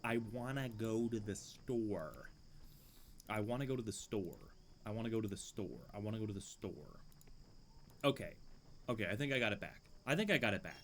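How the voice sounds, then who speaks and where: A man with a lowish voice chats through a game session, musing and dryly amused as he talks to himself. He sits at a home desk microphone and sometimes drifts back from it. A faint hiss of background noise sits under his voice. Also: lively intonation, a little fast, fairly bright tone. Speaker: streamer playing a game. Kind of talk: casual gameplay commentary. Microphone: desk microphone, leans away at times.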